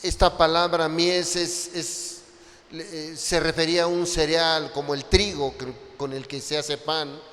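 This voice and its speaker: A man with a Mexican Spanish accent preaching a Sunday sermon, impassioned and rising to loud cries. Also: a little high, flat delivery, measured pace. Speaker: pastor. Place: church hall. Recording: long hall reverb.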